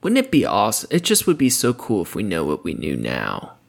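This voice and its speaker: Male podcast co-host with a lively, sing-song delivery; loose, profane, quick to laugh. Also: low-pitched, vocal fry. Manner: loose, swearing, laughing often. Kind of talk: casual podcast chat.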